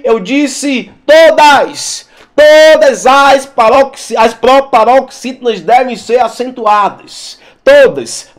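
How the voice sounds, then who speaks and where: Man, high voice, energetic teacher, repeats words for emphasis. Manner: animated, repeats words for emphasis, talks directly to students. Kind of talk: lively exam-prep lesson.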